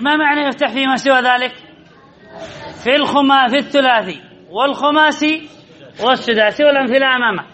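Guy teaching a class, really high voice, keeps quizzing everyone and answering himself, repeats stuff. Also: sharp tone, muffled recording. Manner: quizzes listeners and answers his own questions; repeats key points in drilling rhythm. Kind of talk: classroom lesson.

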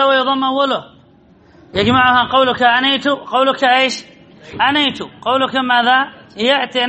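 A man teaching a class, asking quick questions and answering them himself while repeating key points. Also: extremely high pitch, sharp tone, dull audio. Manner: quizzes listeners and answers his own questions. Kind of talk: classroom lesson.

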